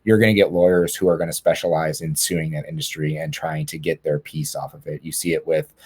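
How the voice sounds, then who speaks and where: A man with a deep, level voice speaks on a webinar panel over a video call. He talks earnestly and plainly as a lawyer, often doubling words when he starts a phrase again. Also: flat delivery, a little fast, slightly rough.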